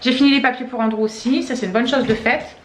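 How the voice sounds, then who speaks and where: Speaking fast in a fairly even, high-leaning voice, a mother in her thirties chats about her day in a loose, rambling vlog style, full of fillers and "et cetera." The recording, made inside the family home, has roomy echo and slight hiss or hum.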